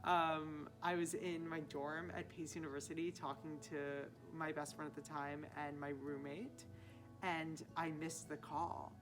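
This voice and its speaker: Low-voiced young woman, earnest. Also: little pitch movement, unhurried. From Maryland. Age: young adult. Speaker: directing student. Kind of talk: casual interview. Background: background music.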